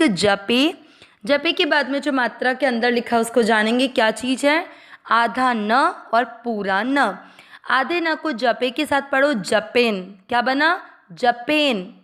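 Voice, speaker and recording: Slow, high-voiced woman teaching recitation. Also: fairly bright tone. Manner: patient, spells out each half-letter and vowel sign, then chants the line slowly. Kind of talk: slow syllable-by-syllable pronunciation lesson.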